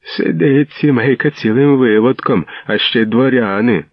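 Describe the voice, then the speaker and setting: A man's voice: medium pitch, normal speed, no room sound, pitched above the performer's own voice, natural voice. A man voicing a coarse, mustached tsarist gendarme who barks and mocks, on a dull lo-fi radio recording. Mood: mocking. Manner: rude, mocking, barking.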